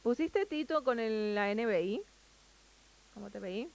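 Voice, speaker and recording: A woman's voice: a little high, expressive, measured pace, gravelly. A woman with a Rioplatense Spanish accent gives a Bible teaching at a women's meeting, explaining word by word and asking her listeners questions. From Argentina.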